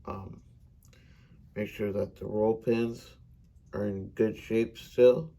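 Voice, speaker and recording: A slow-talking American man walks through a hands-on demonstration, pausing often with fillers. His voice sits low and carries a gravelly rasp. He sounds like a student presenting a practical lesson. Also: steady tone, mellow. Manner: unhurried, hesitant with fillers. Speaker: gunsmithing student. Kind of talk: instructional demonstration.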